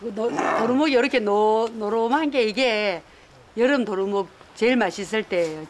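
A woman's voice: a little high, brisk. A middle-aged woman with a Gyeongsang accent, talking through a face mask as a local cook who explains her cooking plainly and homely. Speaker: local fishing-village cook. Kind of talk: casual chat with a film crew. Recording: noisy location sound.

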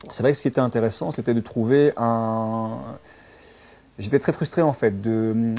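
A mellow, medium-pitched male voice belongs to a Belgian man in his early thirties, a dance teacher and social worker. Interviewed in a small furnished indoor lounge, he tells his own story conversationally in Belgian-accented French, often restarting with filler words.

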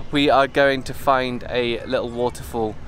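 A man's voice: medium pitch, a little slow, a little hiss or hum. Chatty young man vlogging outdoors. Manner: chatty, relaxed, upbeat. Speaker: travel vlogger. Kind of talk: casual travel vlog. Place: outdoors in a park and jungle trail. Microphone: camera held at arm's length.

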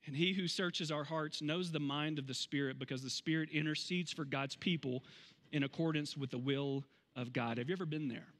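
A man in his forties preaching a sermon on a church stage, conversational and emphatic, slowing down to stress key phrases. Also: on the high side, a bit bright. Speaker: pastor. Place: large church stage, indoors. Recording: long reverb of a large hall.

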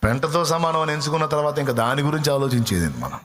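A man's voice: on the high side, lively intonation, fairly bright tone. Man preaching with rhetorical questions. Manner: reads scripture slowly and deliberately. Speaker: pastor. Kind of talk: sermon.

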